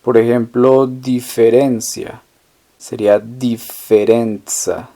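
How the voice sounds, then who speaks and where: Male language tutor, unhurried delivery, middle-pitched voice, poses a phrase then repeats the answer. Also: flat delivery, vocal fry, mellow. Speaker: language teacher. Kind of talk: slow, deliberate language lesson narration.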